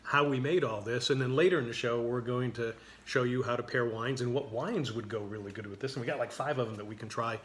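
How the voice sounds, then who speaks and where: A man hosting a show, chatting in a relaxed, rambling way over a dinner table, often restarting his sentences. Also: medium pitch, fast, few pauses. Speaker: show host. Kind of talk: casual chat over a dinner. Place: dining table indoors.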